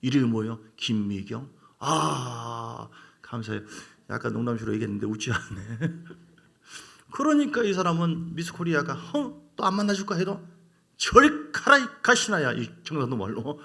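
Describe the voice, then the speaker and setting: A middle-aged man preaches a sermon with a gravelly edge to his voice. His pitch leaps and dips all through, moving from hushed lines to sudden loud cries. He sits at an ordinary pitch for a man. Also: moderate pace. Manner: animated preaching, swinging from quiet to loud exclamations. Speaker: pastor.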